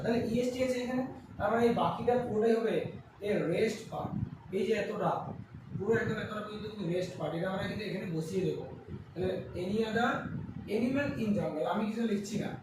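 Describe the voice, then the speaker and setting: A high-pitched man teaches grammar and works through examples at a board. He stands well away from the mic in a very echoey room, and steady background noise runs under his voice. He keeps asking the class questions and then answers them himself. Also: far from the mic. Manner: explains step by step, asks and answers his own questions. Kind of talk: classroom-style lesson at a board.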